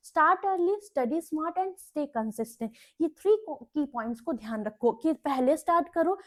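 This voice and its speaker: High-voiced woman giving exam-prep advice. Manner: direct, instructive, frequent "ठीक है" check-ins. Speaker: bank exam coaching teacher. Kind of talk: Hinglish exam-prep lecture.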